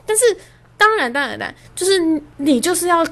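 A woman's voice: very high voice, sing-song, fairly quick, creaky, fairly bright tone. A young woman, hosting a podcast and telling a story in a chatty, self-amused way. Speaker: podcast host. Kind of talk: casual storytelling monologue.

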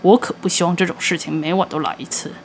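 A woman putting on a gruff, mean old grandpa. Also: fairly low pitch, fairly even intonation, quick pace, slight background noise, voice pushed down, close to an everyday voice. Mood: gruff scolding. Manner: gruff, scolding, complaining. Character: grumpy, mean old grandfather scolding a child.

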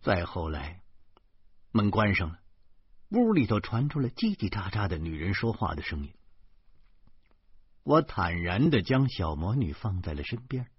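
Husky male novel reader, lively delivery. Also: sits low, measured pace, pauses often, dry recording, muffled recording. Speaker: audiobook reader. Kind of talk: serialized novel reading.

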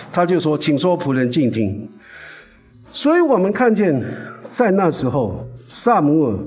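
Male pastor, animated storyteller, fairly high voice. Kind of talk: sermon.

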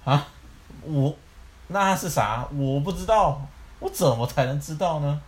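A man's voice: a little high, animated, unhurried. A man voicing a naive, fearless young lad in a storybook tale, talking bluntly in slang. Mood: puzzled, blunt. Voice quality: blunt, slangy, mildly crude.

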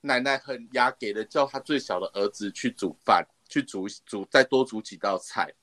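A man in his thirties with a Taiwanese accent, chatting casually and telling personal stories in an animated, self-mocking way. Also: mid-range voice, moderate pace. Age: 30s. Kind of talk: casual chat, personal storytelling.

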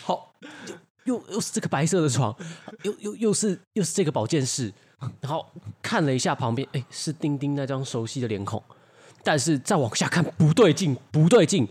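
A man's voice: a little high, expressive, fairly quick, breathy edge. A young man co-hosting a podcast, improvising a story in turns with friends and laughing often. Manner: laughs often, playful reactions. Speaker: podcast co-host.

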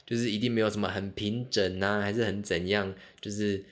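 Podcast host, male, very low voice, animated and self-mocking solo storyteller. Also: a little fast.

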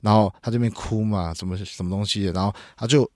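A man's voice: fairly low pitch, quick pace, no room sound, studio quality. A young man with a Taiwanese Mandarin accent hosts a podcast, telling a story in casual chat, laughing often and acting out the people in it. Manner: animated, laughing storyteller who acts out quotes. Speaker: podcast host. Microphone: studio microphone.

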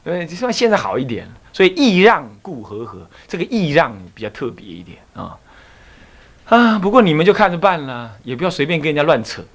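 A man's voice: on the high side, brisk. A man, a Buddhist monk and abbot, giving a dharma lecture, telling anecdotes with emphasis and frequent chuckles. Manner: animated storytelling, emphatic, chuckles often.

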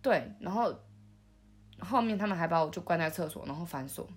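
A young woman, recalling her past in a soft, halting way, with many restarts, as she hosts a podcast. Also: fairly low pitch, expressive, slightly rough, faint music behind. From Taiwan. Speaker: podcast host. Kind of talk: intimate conversational storytelling.

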